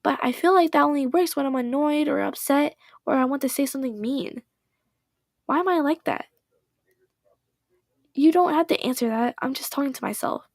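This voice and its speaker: A woman's voice: high-pitched, normal speed, long pauses, no room sound, clean studio sound. A woman streamer narrating a visual novel and talking to herself in a self-conscious, casual way. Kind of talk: livestream narration and commentary.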